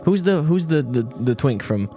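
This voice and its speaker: A man's voice: fairly high pitch, expressive, moderate pace, warm tone, soft background music. A man co-hosting a podcast in casual comedic chat, sarcastic and joking, with plenty of swearing. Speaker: podcast co-host.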